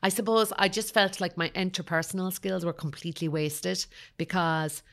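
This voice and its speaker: A low-voiced woman in her forties from the south-west of Ireland, with a Kerry accent. She speaks candidly and conversationally, like a guest telling her story in an interview. Her talk is chatty and sprinkled with "you know". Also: steady tone, moderate pace, a bit bright. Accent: Kerry, south-west Irish. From County Kerry, Ireland. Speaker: podcast guest, financial advisor.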